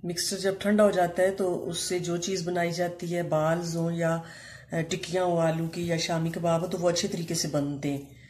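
A woman hosting a home cooking channel, calmly explaining each step of a recipe with short pauses. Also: lowish voice. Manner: calm, step-by-step explaining with Urdu-flavoured words and short pauses. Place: home kitchen, echoey room. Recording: echoey room with faint ambient noise.

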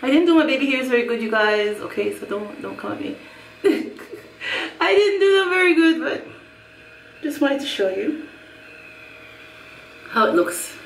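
A middle-aged Jamaican woman, a hair vlogger, reviews a wig in a casual, chatty way from a small room at home, laughing often and repeating herself. Her high-pitched voice has lively intonation, a moderate pace, and frequent pauses. The echoey recording is a little off mic and distant, with slight hiss or hum.

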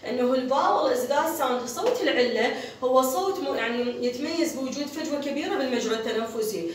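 An Iraqi woman lectures in a high voice, going back and forth between Arabic and slow, careful English. She repeats each point and keeps checking in with her listener. The sound is distant and very echoey, with a faint hiss underneath. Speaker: university phonetics lecturer. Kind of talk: classroom lecture. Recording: echoey room, mic far from speaker, faint noise.

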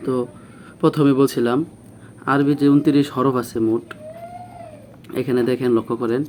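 A man teaching a beginner Arabic lesson, patiently repeating phrases and sounding out each letter slowly. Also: mid-range voice, steady tone, darkish tone, a little hiss or hum. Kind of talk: classroom lesson.

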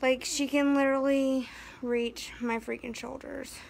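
An American woman casually vlogs inside her house on a handheld phone camera, chatting about her dog and scolding it now and then. Her voice sits high with a level tone, a measured pace, and some vocal fry.

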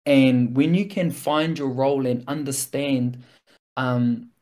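This is a man of medium pitch with a steady, darkish tone, talking slowly in a broad New Zealand accent. His motivational talk is reflective and casual, earnest and informal, loaded with slang and rhetorical "right?" check-ins.

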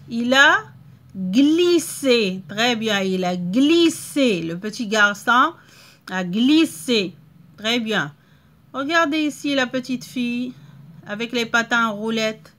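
A woman teaching a reading lesson to young children, stretching out words slowly and checking in often. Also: on the high side, a bit bright. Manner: slow, drawn-out word modeling with frequent checks.

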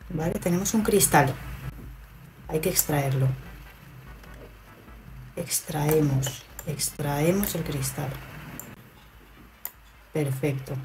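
A woman with a somewhat low voice gives casual, chatty gameplay commentary. She talks to the characters on screen with teasing mock pride. Faint music plays behind her. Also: slow, pauses often, darkish tone, low-quality recording. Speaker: gaming video host.

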